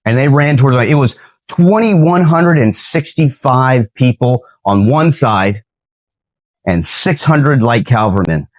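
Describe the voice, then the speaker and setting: A man's voice: mid-range voice, expressive, measured pace, no room sound. A man hosting a church's Sunday night video, talking earnestly in a casual sermon style with many fillers and restarts.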